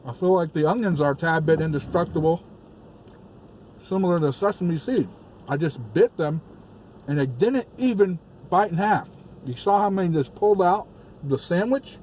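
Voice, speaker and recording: A man's voice: high-pitched, moderate pace, a little mellow, a little hiss or hum. A man hosting a casual food review vlog from a car, chatting while chewing, recorded on a dashboard phone. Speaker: vlog host. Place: parked car. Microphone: phone mounted on dashboard.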